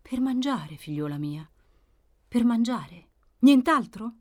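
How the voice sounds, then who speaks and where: A woman voicing a shrewd, wary male innkeeper in an audiobook, brisk and guarded with forced ease. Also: fairly high pitch, big pitch swings, a little mellow, voice pushed up, heavily acted. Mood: evasive. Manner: brisk, guarded, falsely casual. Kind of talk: audiobook character reading.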